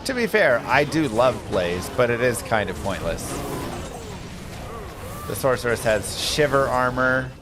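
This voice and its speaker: A man with a mid-range voice streams a video game and chats casually. He rambles in informal gamer slang at a slow, easy pace. Music plays clearly behind him. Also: mid-range voice.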